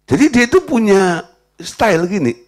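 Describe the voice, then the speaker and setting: A man delivers a sermon as a pastor, his pitch swinging widely from deep, quiet murmurs to raised, emphatic lines. He slips into the voices of the people in his stories while he teaches. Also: normal speed. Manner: animated preaching, acts out quoted dialogue.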